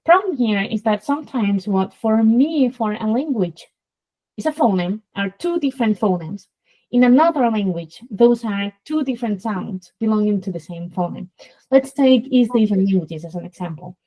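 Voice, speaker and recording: A woman's voice: medium pitch, expressive, moderate pace, dark tone, low-quality recording. Spanish-accented woman explaining phonetics. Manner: lecturing, demonstrates sounds aloud, many "right?" checks. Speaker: host, Spanish teacher. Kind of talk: explanatory interview talk.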